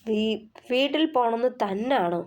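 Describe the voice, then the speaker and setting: In an audio novel, a woman narrator with a warm, mellow tone voices a stern young husband who sounds gruff yet caring, his scolding giving way to pleading. Her delivery is a little high and animated, at a measured pace.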